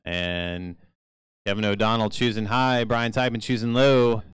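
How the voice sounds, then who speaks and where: A man's voice: fairly low pitch, little pitch movement, unhurried, clear, resonant tone, no echo. A man from Kentucky calling bike races live as track announcer, with playful jokes between the calls. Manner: jokey, playful asides between race calls. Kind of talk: live race commentary over PA.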